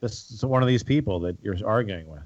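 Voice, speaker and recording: A man's voice: on the low side, animated, brisk, a little mellow, dry recording, highs cut off. A man hosting a podcast in an easygoing way, prompting his guest with questions. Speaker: podcast host. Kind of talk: casual podcast chat.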